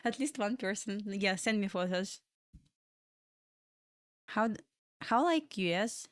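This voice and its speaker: Her voice mid-range with lively intonation and a slow pace, a young woman from Belarus with a Russian accent hosts live trading from a Florida home room. She chats loosely and rambles, answering questions from chat between market observations, in clean studio sound without room noise.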